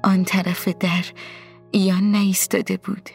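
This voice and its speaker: Husky woman narrating softly. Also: medium pitch, level tone, faint music behind. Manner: soft, hushed, partly whispered delivery. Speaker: audiobook narrator. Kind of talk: scripted first-person narration.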